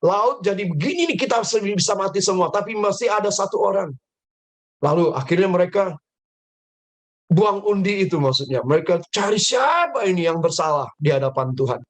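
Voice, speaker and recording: A man leads children's church, retelling a Bible story for young listeners. He sounds animated and talks straight to the kids, in a fairly high voice. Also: moderate pace, poor audio. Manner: animated, addresses children directly.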